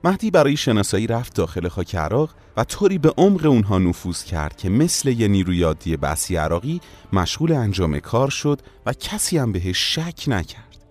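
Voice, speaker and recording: A man's voice: lowish voice, sing-song, a little mellow. A man narrating a war memoir in a solemn, storytelling manner, as scripted narration. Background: faint music.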